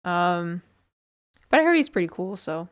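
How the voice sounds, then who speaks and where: A woman streamer chats casually while building a model kit, rambling with lots of fillers, little giggles and self-deprecating remarks. Her fairly low voice is sing-song, clear and resonant, at a moderate pace.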